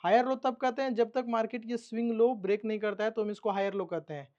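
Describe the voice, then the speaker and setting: A man's voice: high-pitched, steady tone, fast, a little mellow, lo-fi sound. A man teaching a trading course, walking through a chart step by step, repeating terms and checking that listeners follow. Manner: repetitive teacherly explaining, checks understanding. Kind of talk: explaining a chart in a recorded lesson.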